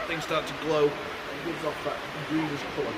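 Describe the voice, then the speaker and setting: A man guides a tour through an echoing cave. His voice is on the high side for a man, and he explains things informally with casual asides. Loud noise sits behind him. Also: little pitch movement, brisk. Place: inside a large show cave.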